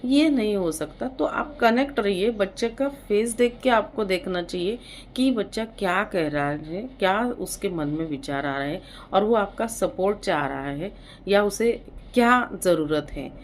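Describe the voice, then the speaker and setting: A woman's voice: mid-range voice, expressive, measured pace, a little hiss or hum. A woman with an Indian accent, a psychologist and counselor, giving a parenting advice talk in an explanatory way, slipping English terms into her speech and using frequent fillers.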